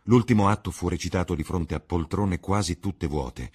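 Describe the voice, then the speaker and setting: A man reading a classic novel aloud in an expressive, theatrical way. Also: sits low, moderate pace, slightly rough. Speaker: reader. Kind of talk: audiobook narration.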